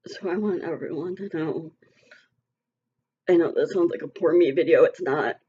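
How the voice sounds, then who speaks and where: A woman's voice: deep voice, normal speed, mellow, breathy edge, highs cut off. A middle-aged woman talking earnestly and emotionally to her online community in a casual, rambling vlog. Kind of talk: casual heartfelt vlog talk.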